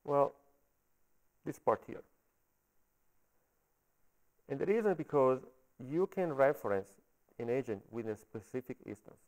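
A man with an Italian accent giving a technical talk at a meetup, halting and often checking in with the audience. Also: mid-range voice, animated, a little mellow, rough recording. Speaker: conference speaker. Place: coworking space meetup room.

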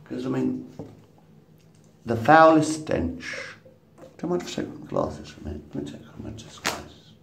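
In a small room, a man in his fifties films himself on a phone at arm's length, vlogging in a rambling, casual monologue where he swears and laughs at his own jokes. His mid-range, gravelly voice is sing-song at a moderate pace, and he pauses often. Heard from a distance, the recording has a roomy echo and faint background noise.

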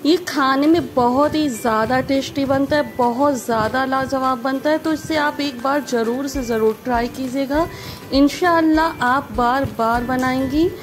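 A woman hosts a cooking channel, her high-pitched voice moving at a normal pace as she narrates a recipe step by step in a friendly way. She keeps heaping emphatic praise on the dish, with music playing in the background.

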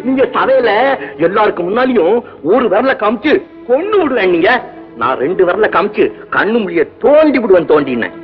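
An actor playing a naive young village shepherd, talking in a broad, excitable country dialect. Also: male voice, high voice, fairly quick. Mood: boastful, animated. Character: naive rustic young male shepherd, humble and guileless. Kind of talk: 1960s film acting. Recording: muffled old film soundtrack with music.

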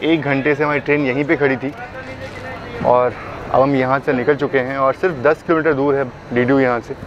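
A man's voice: medium pitch, steady tone, a little fast, lo-fi sound. A young man chatting casually as a train travel vlogger, holding the camera at arm's length. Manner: chatty, filler-heavy, upbeat. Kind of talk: casual travel vlog narration. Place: outdoors on railway platforms and inside a train. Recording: loud outdoor and train noise.

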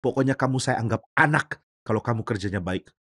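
A man's voice: mid-range voice, lively intonation, brisk, a bit bright, slightly rough, pitched below the performer's own voice. A man voicing a wealthy master who speaks in a bossy, talkative way. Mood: jovial. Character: wealthy master, jovial then stern.

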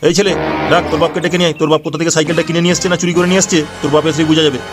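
Brief: man voicing an angry bike owner, very fast, commanding, light music. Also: a little high, flat delivery. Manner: bossy, accusing, rapid. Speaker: cartoon voice actor. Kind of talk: cartoon voice dubbing.

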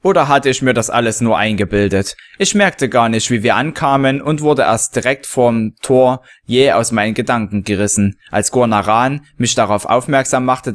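A man reading a first-person adventure story aloud, with a mid-pitched voice. He narrates at an even, steady pace. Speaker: reader of a fan story.

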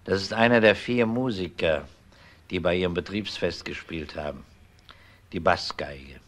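This deep, slightly bright male voice belongs to an actor cast as a persistent police detective in a radio crime drama. He keeps a measured pace and a probing, no-nonsense manner, sounding sober and matter-of-fact throughout.

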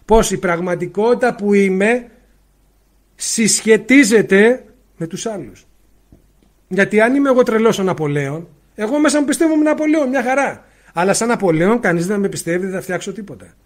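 A man giving a spiritual talk on a livestream, speaking loudly and emphatically into a faulty mic and asking rhetorical questions. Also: high voice. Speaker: spiritual teacher. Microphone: faulty mic, spoken loudly into it.

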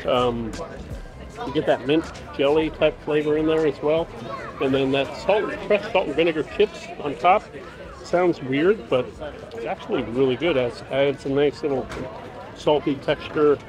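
A man's voice: on the high side, measured pace, over music. A man co-hosting a food review outdoors, describing dishes and reading out menu items. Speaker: food vlogger co-host. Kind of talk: casual food review chat.

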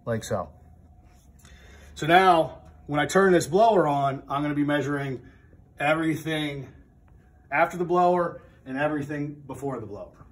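This HVAC trainer, a middle-aged man, speaks on the high side at a moderate pace and pauses often. He works through a hands-on demonstration in an indoor room with a furnace, plain and methodical, restarting frequently.

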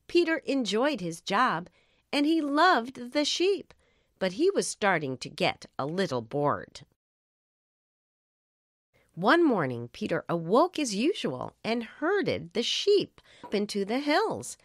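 A woman narrating a children's audiobook with slow, expressive bedtime-story reading. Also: medium pitch, dry recording, clean studio sound.

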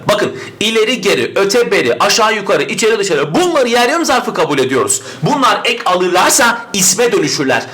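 An energetic man teaches a grammar lesson for exam prep, his voice pitched high and swinging widely as he stresses each point. He often asks a student's question aloud and answers it himself. His tone stays bright and emphatic throughout.

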